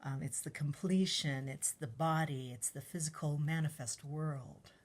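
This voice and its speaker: A young woman casually reviewing a tarot deck, soft-spoken and a little breathless, often trailing into whispers with many ums. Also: low voice, unhurried.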